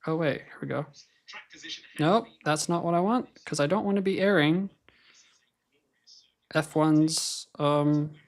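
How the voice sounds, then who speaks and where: Speaking slowly and pausing often in a slightly high voice, a young man hosts a casual live stream, chatting as he watches qualifying. Born in Scotland, he has an American accent.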